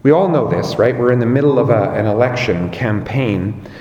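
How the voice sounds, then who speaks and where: A man preaching a sermon as pastor, slow and measured, rising on key words. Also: medium pitch, animated, darkish tone, reverberant, long reverb tail, dull audio.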